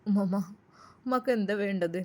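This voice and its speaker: A woman voicing a young woman lawyer who speaks low and quiet through tears. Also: normal speed, close to an everyday voice. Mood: tearful. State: crying.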